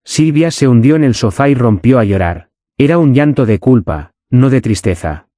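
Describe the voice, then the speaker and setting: A man's voice: medium pitch, animated, moderate pace, dark tone, no echo, studio quality. A man narrating a dramatic first-person story with an intense delivery.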